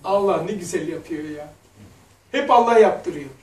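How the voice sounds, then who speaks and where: A man's voice: high-pitched, normal speed, darkish tone. A man giving a religious lesson, telling stories in a casual, colloquial way with blunt slang asides. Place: lesson room. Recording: roomy echo, mic far off.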